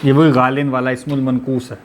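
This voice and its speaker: A man's voice: medium pitch, level tone, fairly quick, slight background noise. A man teaching an online class, explaining step by step and quizzing his students with repeated questions. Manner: patient, methodical explaining.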